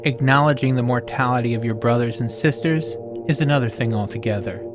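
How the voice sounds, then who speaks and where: A man hosting a podcast, reading scripted documentary narration in a measured, solemn way with emphatic rises. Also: medium pitch, over music.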